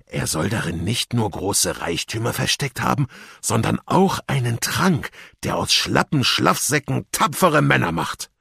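A gruff, booming pirate captain, played by a man in a storybook reading, rallying his crew with loud rousing speeches. The voice sits higher and louder than the reader's own and keeps a husky grain. It swings freely in pitch as he declaims. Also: expressive, measured pace, no echo, studio quality, heavily acted. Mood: solemn. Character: gruff bold middle-aged male pirate captain.

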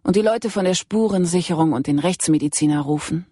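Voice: mid-range voice, brisk, mellow, breathy edge, no echo, studio quality, lightly acted. A narrator reading Rebecca, a reserved investigator. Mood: businesslike. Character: female police investigator, composed and reserved.

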